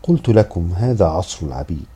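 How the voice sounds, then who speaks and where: A grumbling old grandfather with a sarcastic edge, read by a man in a very low, very dark voice. He speaks in a storybook read aloud. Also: animated, a little fast, slightly rough, full character voice. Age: older.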